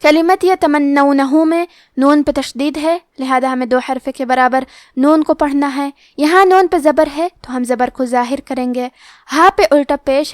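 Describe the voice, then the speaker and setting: A woman teaching Quran recitation rules, explaining each letter and rule slowly and carefully. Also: sits high, no echo, clean studio sound. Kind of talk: tajweed lesson explanation.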